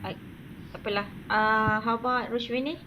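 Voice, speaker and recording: A woman lecturer with a Malaysian accent gives an online course briefing, heard through a screen recording of the video call. She talks haltingly, with many fillers and "lah" tags. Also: a little high, fairly even intonation, a crowd in the background. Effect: screen-recorded online class audio. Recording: muffled screen-recorded call with faint hiss.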